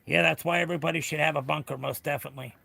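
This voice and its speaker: A middle-aged American man with a raspy, gravelly whiskey voice, chatting casually and bluntly with livestream viewers in a rambling way. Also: a little high, fairly even intonation, very fast, pushed and bright, no echo. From United States. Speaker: livestream host.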